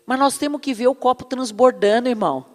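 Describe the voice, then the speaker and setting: A woman's voice: on the high side, a little fast, in a large hall. A woman preaching a sermon with personal testimony, fervent and calling her listeners brothers and beloved.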